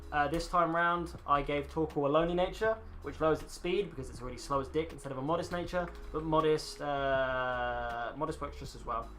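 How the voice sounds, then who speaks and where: Chatting to his chat while he plays a game on stream, this twenty-something man rambles and swears casually. His voice is a little high and fairly bright, with a little hiss or hum in the recording.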